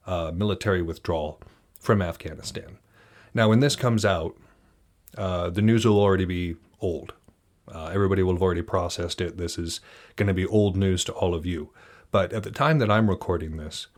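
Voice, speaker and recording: A man, hosting a podcast in a relaxed, rambling way with restarts and fillers. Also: sits low. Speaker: podcast host. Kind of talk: casual solo podcast talk.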